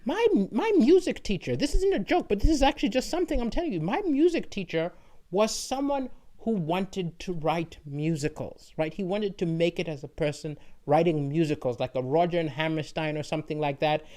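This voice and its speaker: A comedian with a notably high-pitched, mellow voice rambles casually to an online audience, often tagging his lines with "right?". He's expressive and talks a little fast.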